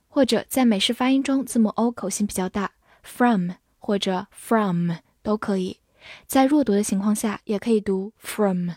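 A woman gives an unhurried vocabulary lesson, spelling each word letter by letter and then reading the examples aloud. Her pace is slow and deliberate. The sound is dry and close, with no room echo at all. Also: medium pitch, a little mellow. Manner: patient, spells words letter by letter and reads slowly. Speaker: English teacher.

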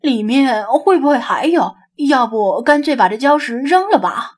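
A woman's voice: on the high side, lively intonation, normal speed. A woman voicing an anxious, thrifty retired old man in an audiobook. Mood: worried.

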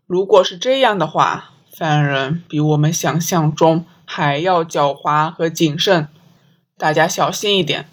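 Woman reading a calm, measured police inspector. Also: low voice.

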